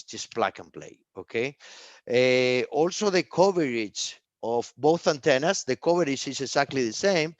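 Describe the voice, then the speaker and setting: A man who isn't a native English speaker delivers a live technical product presentation, halting and often repeating words and phrases. His voice is mid-range, with no room sound.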